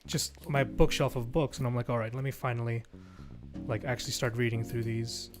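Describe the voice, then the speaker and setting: A man's voice: mid-range voice, flat delivery, brisk, music in the background. A young man co-hosting a stream in casual chat, laid-back and slangy with short replies. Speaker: stream co-host.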